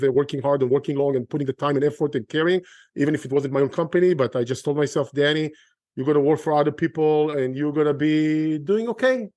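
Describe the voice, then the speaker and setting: With a fairly high-pitched yet darkish voice and no room sound, this middle-aged man from Israel speaks in an Israeli accent. He is a real estate investor being interviewed on a podcast, talking earnestly and often starting his sentences over.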